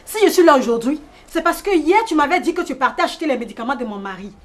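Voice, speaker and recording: Man playing a lovesick young woman, very high, rapid, lively, comedy sketch. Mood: pleading.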